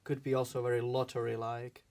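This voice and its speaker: A young man speaking as a radio guest, hesitant and halting in casual chat. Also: medium pitch, level tone, a little mellow.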